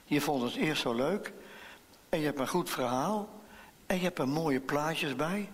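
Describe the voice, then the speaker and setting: A man voicing a caring, concerned mother in a children's story, gently scolding. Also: a little high, a little slow, slightly rough, long reverb tail. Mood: surprised.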